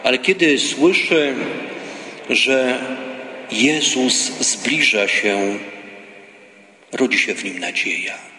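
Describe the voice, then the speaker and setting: A man, a priest, reading the gospel and preaching a homily in a slow, measured liturgical manner, recorded in a church. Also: mid-range voice, pushed and bright, slight background noise. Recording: echoey church with long reverb.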